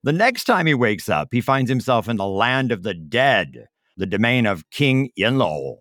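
A man's voice: mid-range voice, sing-song, normal speed, fairly bright tone, no echo, studio quality. A man telling a folk tale in a casual, chatty way, with explanatory asides. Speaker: storyteller.

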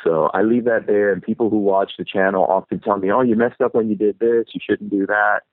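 A New York City–raised YouTuber guest talks briskly in a lowish, steady voice on a tinny phone line with no room sound. The casual interview finds him easygoing and reflective, rambling and often restarting.

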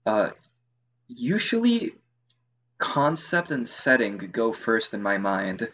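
A man's voice: mid-range voice, big pitch swings, slow pace, fairly bright tone, a little hiss or hum. A man chatting casually on a podcast, hesitant, with many fillers and restarts. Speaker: co-host.

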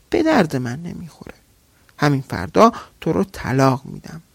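A man's voice: gravelly, no room sound. A man narrating a classic tale for a podcast, changing his delivery for the characters he quotes. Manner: animated, shifts pitch and loudness for quoted speakers. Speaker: podcast storyteller. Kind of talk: storytelling narration.

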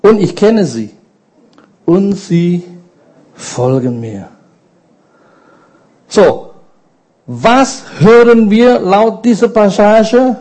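Man, preacher, sermon, high voice, slow deliberate delivery, asks the congregation questions. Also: warm tone, rough recording.

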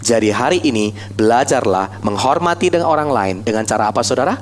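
A man preaching a sermon with animated delivery. He keeps turning to the congregation with rhetorical questions. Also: medium pitch, quick pace, a little hiss or hum.

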